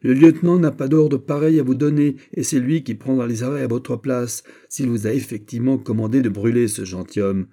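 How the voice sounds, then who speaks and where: A man's voice: mid-range voice, fairly quick, few pauses, warm tone, voice pushed up, close to an everyday voice. A man reading an audiobook, voicing an imperious male general who speaks in a stern, sonorous way. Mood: commanding. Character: commanding middle-aged male general. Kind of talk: audiobook character voice.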